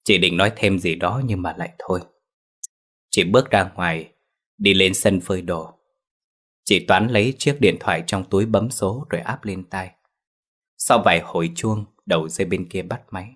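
A man reading a ghost story aloud in steady, dramatic narration. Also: deep voice, moderate pace.

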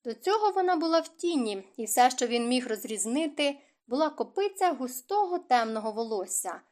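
A woman reading a romance novel aloud as an audiobook narrator, in expressive storytelling. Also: sits high, fairly quick.

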